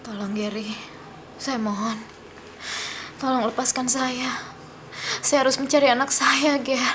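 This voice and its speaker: A woman's voice: high-pitched, a bit bright, a little hiss or hum. An actress playing a desperate young mother held captive, pleading tearfully for her child.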